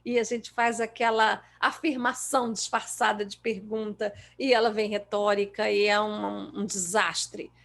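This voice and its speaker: A woman with a Brazilian Portuguese accent giving a lecture on coaching questions, lively and emphatic, acting out how clients reply. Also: medium pitch, unhurried, vocal fry, hardly any pauses. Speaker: coaching trainer.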